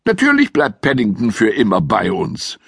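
A man's voice: on the low side, wildly swooping pitch, normal speed, gravelly, a bit bright, breathy edge, no echo, studio quality, heavily acted. A man voicing a kindly mother of the family in a children's audiobook, with an indignant manner. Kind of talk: audiobook character voice.

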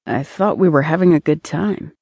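A man's voice: on the high side, normal speed, vocal fry, a little mellow, no room sound. A woman voicing a casual, commitment-shy young boyfriend in an audiobook, with a breezy, evasive way of talking.

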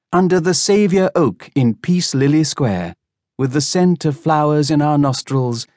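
A man's voice: a little high, warm tone, dry recording, clean studio sound, pitched above the performer's own voice. A man voicing an elegant young woman giving a gracious, heartfelt speech.

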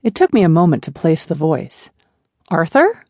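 A woman narrating a first-person memoir audiobook in a measured, even storytelling manner. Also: low-pitched, no room sound.

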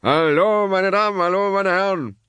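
A man voicing a loud, cheerful snack-stand vendor who calls out to customers in sing-song rhymes. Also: high voice, normal speed, smooth, no echo, pitched above the performer's own voice. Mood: hawking.

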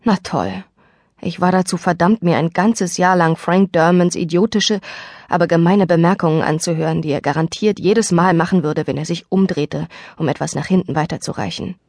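A woman narrates a first-person story for an audiobook with lively, expressive delivery. Her voice is fairly low for a woman. She is recorded very close and dry, with no room sound. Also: moderate pace, dry recording. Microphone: dry studio microphone.

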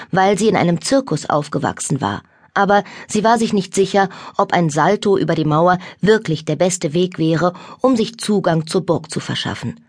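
A woman narrating a children's audiobook with lively, expressive storytelling on a close studio mic. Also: mid-range voice, slightly rough, no echo.

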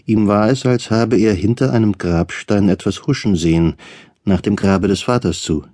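Low, warm-voiced male audiobook narrator. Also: normal speed, dry recording, clean studio sound. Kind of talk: scripted literary narration.

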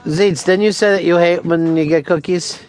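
A man's voice: high-pitched, steady tone, moderate pace, a little mellow, soft background music. Teasing, foul-mouthed male radio host. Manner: teasing, sarcastic, swears freely. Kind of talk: profane studio banter.

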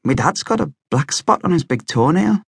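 A man voicing an excitable young boy, high-pitched and insistent. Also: moderate pace, gravelly, slightly rough, no room sound, studio quality, heavily acted. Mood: worried.

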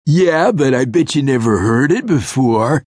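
Smug, slow-drawling barfly voiced by a male narrator; higher than his own voice, dry close studio sound. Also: expressive, darkish tone, breathy edge, no room sound. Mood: leering. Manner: slow smarmy drawl, pleased with himself. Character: sleazy young man hitting on a woman with pickup lines. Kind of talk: audiobook character voice.

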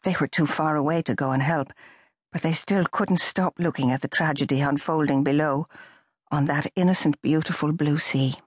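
A woman narrating a novel in a measured, even storytelling manner. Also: low-pitched, breathy edge, dry recording, clean studio sound. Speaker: audiobook narrator. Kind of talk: scripted narration.

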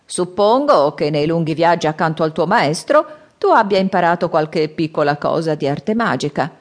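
A woman voicing an old man with a staff who warns and boasts, with high, drawn-out cries. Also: expressive. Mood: mocking.

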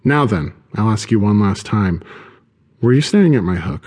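A man voicing a menacing, hulking Russian villain in an audiobook, speaking with a gravelly Russian accent, cold and mockingly polite. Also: lowish voice, animated, moderate pace, darkish tone. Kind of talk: audiobook character voice.

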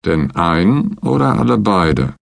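A male narrator voicing a grumpy, sarcastic man with a croaking, cutting delivery. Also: deep voice, very animated, takes it slowly, dry recording, studio quality, full character voice.

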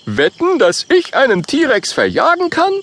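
A man's voice: high voice, very animated, moderate pace, gravelly, breathy edge, pitched above the performer's own voice, full character voice. A man doing a brash bragging dragon boy. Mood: boastful. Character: boastful young male eating-dragon.

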